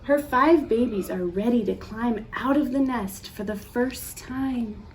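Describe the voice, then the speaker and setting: A woman with a fairly high voice reads a picture book aloud to young children, acting it out theatrically with gasps and pauses and asking them questions. The recording is rough, with a little hiss or hum.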